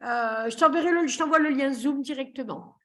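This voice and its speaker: Chatty French therapist woman, slightly high voice. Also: brisk. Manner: chatty, warm-hearted and joking, many fillers. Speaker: therapist hosting a live session. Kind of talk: casual live chat. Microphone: computer mic on a video call.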